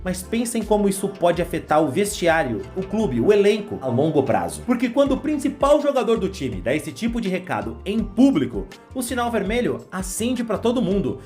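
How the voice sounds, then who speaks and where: A woman's voice: mid-range voice, sing-song, moderate pace, hardly any pauses, warm tone, faint music behind. A woman giving scripted football commentary, talking straight to the viewer in a conversational way. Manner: conversational, addresses viewer directly. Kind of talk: scripted sports commentary voice-over.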